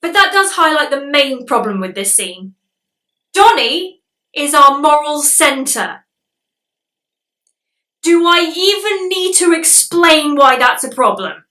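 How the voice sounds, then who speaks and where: A woman's voice: high voice, lively intonation, takes it slowly, long pauses, pushed and bright, roomy sound, distant mic. A woman narrating a comedic film review in a sarcastic, exasperated, sweary way.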